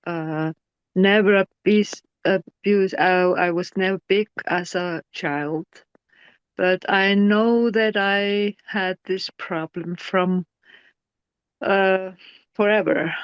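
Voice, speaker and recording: Slow, halting woman on dull audio. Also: lowish voice, clear, resonant tone, dry recording. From Iceland. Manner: halting, with many fillers and restarts; non-native English grammar. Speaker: interview guest. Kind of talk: personal testimony.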